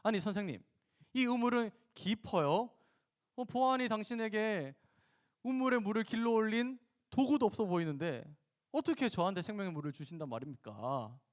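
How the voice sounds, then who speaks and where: A man voicing a sharp-tongued, guarded Samaritan woman who retorts defiantly. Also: medium pitch, completely flat delivery, fast, gravelly, hardly any pauses, pitched below the performer's own voice. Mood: snappish.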